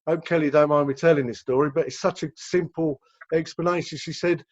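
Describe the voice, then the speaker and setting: A man's voice: a little high, steady tone, a little fast. A man with an English accent answering questions as a rehab director on a video call, explaining at length and repeating words as he goes. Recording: dull lo-fi video call audio.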